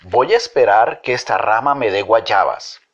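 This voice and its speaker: A man playing a gentle children's teacher who acts foolish on purpose. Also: fairly low pitch, lively intonation, normal speed. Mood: playful. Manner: gently playful, mock-foolish. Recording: dull lo-fi recording.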